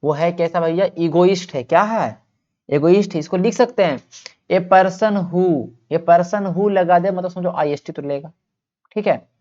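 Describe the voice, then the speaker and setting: A male teacher giving an online vocabulary lesson. He asks questions and answers them himself, and stretches words out slowly so listeners can repeat them. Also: sits high, a little mellow, muffled recording.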